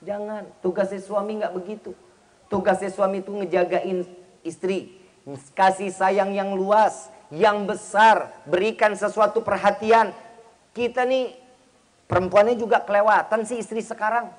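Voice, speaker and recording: A man's voice: sits high, steady tone, measured pace. A man preaching a humorous sermon in speech, teasing his listeners and acting out bits of dialogue. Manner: teasing, slangy, acts out quoted dialogue.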